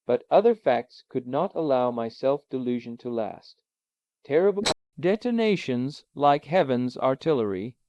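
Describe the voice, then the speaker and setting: A man reading a classic adventure novel aloud in a measured, dramatic narration. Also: on the high side, no room sound. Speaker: audiobook narrator. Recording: dull, lo-fi, dry.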